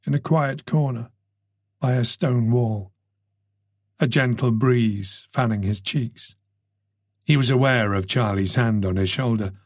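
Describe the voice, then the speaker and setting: A man narrating a mystery audiobook in a measured, steady way. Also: mid-range voice, creaky, no echo, studio quality. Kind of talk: scripted narration.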